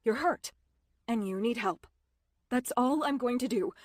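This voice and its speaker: A woman's voice: fairly high pitch, unhurried, a little mellow, no room sound, natural voice. Woman narrator as a young heroine: tense, insistent, dry booth. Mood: upset insistent. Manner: strained and insistent. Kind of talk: audiobook character voicing.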